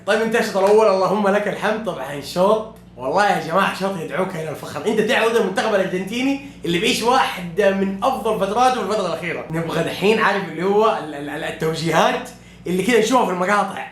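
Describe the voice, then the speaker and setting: A man reacting live to a football match, shouting and cheering at goals and praying aloud between plays. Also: high voice, animated, racing. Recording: echoey room.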